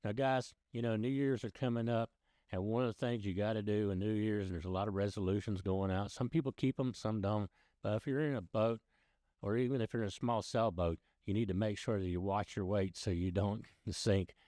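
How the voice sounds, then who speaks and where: A man with a fairly low voice presents boating news in a close, dry recording. His delivery is casual and folksy, like chatting straight to his online viewers. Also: fairly even intonation, fairly quick, mellow, dry recording. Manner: folksy, addresses viewers as guys. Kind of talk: casual video news commentary.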